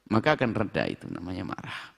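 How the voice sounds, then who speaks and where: Male preacher, emphatic, lively delivery, long reverb. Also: low voice, creaky. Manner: lively, emphatic, with drawn-out phrases. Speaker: Islamic preacher. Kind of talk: sermon.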